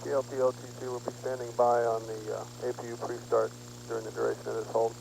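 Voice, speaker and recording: A man's voice: medium pitch, flat delivery, fast, vocal fry, noisy background. A man making clipped, businesslike procedural calls as a launch conductor on a radio loop. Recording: humming intercom radio loop.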